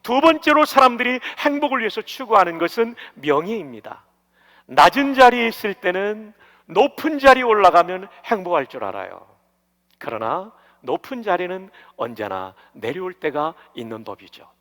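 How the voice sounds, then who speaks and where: Pastor, male, from Daejeon; lively, high-pitched sermon delivery in a reverberant sanctuary. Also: normal speed. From Daejeon, South Korea. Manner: animated, explanatory preaching with questions to the congregation. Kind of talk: revival sermon. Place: church sanctuary. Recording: long church hall reverb.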